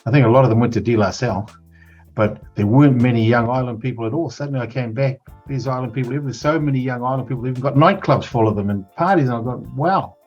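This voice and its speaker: A man's voice: medium pitch, darkish tone, husky. A man in his sixties with a New Zealand accent, reminiscing in a rambling, matter-of-fact way as an interview guest. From South Auckland, New Zealand. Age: 60s. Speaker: guest, lawyer and community advocate. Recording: muffled, dull sound with music behind.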